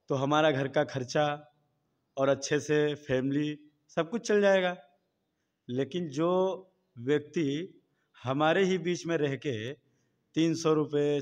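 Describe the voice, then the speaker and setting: A man being interviewed who speaks softly at first and then declaims political couplets with rising force. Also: a little high, in a large hall. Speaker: interviewee, local political campaigner. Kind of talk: recited political couplets and appeals.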